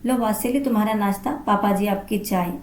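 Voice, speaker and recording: An earnest, anxious young daughter-in-law in a spoken family storybook, voiced by a woman narrator. She speaks in a middle-pitched, hesitant and caring way. The recording has a roomy echo. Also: brisk, lightly acted.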